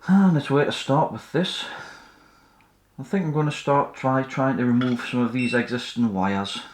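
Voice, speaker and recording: Speaking at a moderate pace with a medium pitch, a man hosting an electronics repair channel tentatively thinks aloud as he repairs something at his indoor workbench. The commentary is casual and hands-on, and the recording sounds roomy and echoey.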